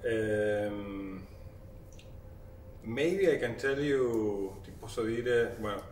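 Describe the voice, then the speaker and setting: A man in his forties with an Argentine Spanish accent speaks in a low, unhurried voice as an interview guest. He gropes for words and slips between languages as a native Spanish speaker. The sound is echoey and distant from the microphone. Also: darkish tone. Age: 40s. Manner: halting, searching for words, switching between languages. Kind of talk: casual interview talk in mixed languages. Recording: roomy echo, distant mic, faint noise.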